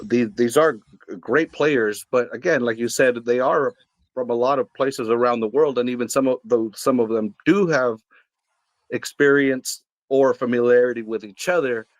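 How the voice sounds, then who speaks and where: A male podcast co-host in a casual sports chat, talking with an animated, excitable delivery. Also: medium pitch, dry recording.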